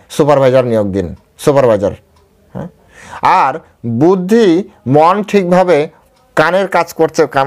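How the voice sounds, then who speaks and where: A male preacher with a Bengali accent leads a devotional lesson on scripture. He talks his listeners through it step by step, putting a question to them and then answering it himself. He repeats key phrases for emphasis and drops into slow, careful recitation whenever he quotes a verse. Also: mid-range voice, a little mellow. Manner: chants and quotes verses slowly. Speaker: preacher giving a scripture class.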